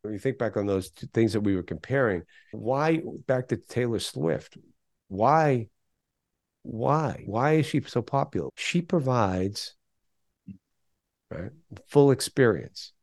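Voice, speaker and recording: A man's voice: mid-range voice, expressive, takes it slowly, darkish tone, dry recording, studio quality. A middle-aged man, a guest on a podcast interview, speaking emphatically and firing off rhetorical questions. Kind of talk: conversational interview.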